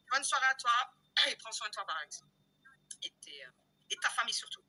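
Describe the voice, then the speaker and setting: High, sharp-voiced woman ranting loudly. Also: animated, moderate pace, rough recording. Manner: loud-mouthed, insulting, confrontational; repetitive, emphatic, addresses viewers directly. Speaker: YouTube live streamer. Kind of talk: heated live-stream rant.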